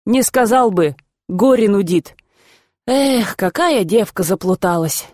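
A woman voicing a gruff, excitable old grandfather in a storybook reading. He shouts, teases and banters in rough folk speech. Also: medium pitch, slow pace, no echo, studio quality. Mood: gloomy.

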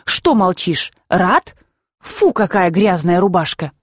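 A woman's voice: fairly low pitch, big pitch swings, husky, dry recording, clean studio sound, heavily acted. A woman reading a bold, firm young mother with a commanding way of talking, in a storybook narration. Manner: commanding, brisk.

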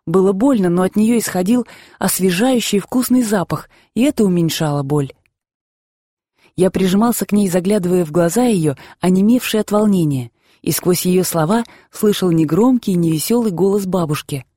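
A woman narrating an audiobook in a calm, measured storytelling manner. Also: on the low side, no echo, studio quality.

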